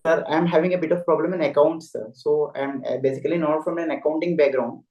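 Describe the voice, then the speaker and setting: A man's voice: on the high side, fairly even intonation, fast, dull audio. A young man with an Indian accent, a deferential and hesitant interview candidate speaking formally in a roomy, echoey recording. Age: young adult. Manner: deferential, hesitant, says sir constantly.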